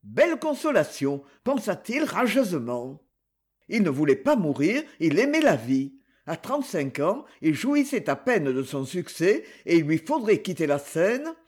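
A male audiobook narrator with a high, slightly husky voice reads unhurriedly, his intonation moving through a lively range.

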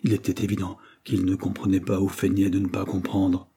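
Male audiobook narrator, low pitch, husky, measured. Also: monotone, dark tone. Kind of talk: reading a novel aloud.

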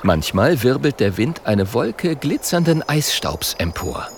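A man calmly reading a children's storybook as narrator. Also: mid-range voice, a little slow, a little hiss or hum.

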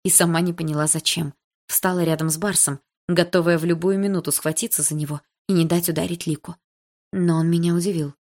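A woman reading a first-person novel aloud in an even, measured storytelling manner. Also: on the low side. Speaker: audiobook narrator.

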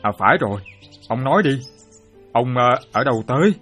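A loud-mouthed, boastful old soldier, acted by a man, who bursts into exclamations. His pitch leaps around with lively swings. Faint music sits under this radio play. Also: a little fast, natural voice. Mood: excitable. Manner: excitable, exclamatory. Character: excitable boastful former soldier, a chess fan.

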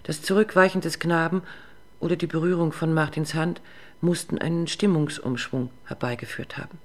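A woman's voice: deep voice, moderate pace. Woman reading a literary short story. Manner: even, composed narration.

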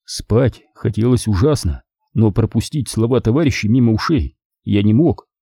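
Husky male audiobook narrator. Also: moderate pace, dark tone, no room sound, clean studio sound. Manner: voices the soldiers in a raised pitch.

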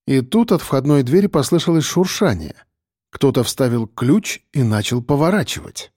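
Dark-toned male audiobook narrator. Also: medium pitch, lively intonation, normal speed, no room sound, studio quality.

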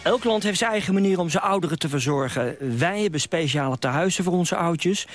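A man presenting a radio program, announcing items in a clear, even scripted delivery. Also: on the high side, brisk, no room sound, faint music behind.

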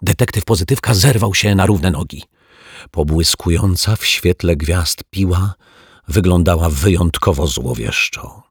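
Deep, gravelly man reading a story. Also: a little slow, dry recording, clean studio sound. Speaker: audiobook reader. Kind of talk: scripted storybook narration.

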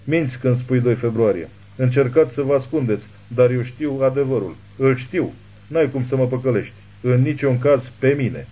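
A man voicing a crazed, hateful old woman who spits forceful accusations in an audiobook. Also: mid-range voice, lightly acted. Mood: accusing.

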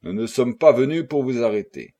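A man's voice: medium pitch, animated, moderate pace, mellow. A man reading a stern police agent. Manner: stern, formal and solemn. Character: agent de la sûreté, homme mûr, sévère.

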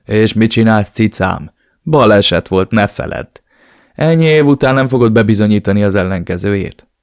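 A man's voice: on the low side, expressive, no echo, studio quality. A man voicing a smug, cruel male villain who taunts and threatens. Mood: taunting. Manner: mocking, taunting.

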